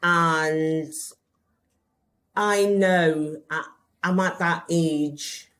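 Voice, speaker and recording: A Scottish woman in her forties, a native Gaelic speaker, chatting in a relaxed, wry way as a guest. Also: sits low, very slow. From Scotland. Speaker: guest, actor. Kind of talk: casual chat. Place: festival venue.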